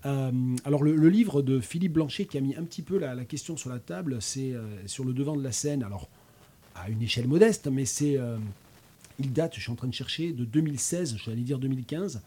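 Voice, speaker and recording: A man's voice: medium pitch, fairly quick, mellow, husky. A man in his fifties with a regional French accent, hosting a casual chat, hesitant, with many fillers and restarts. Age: 50s. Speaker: host.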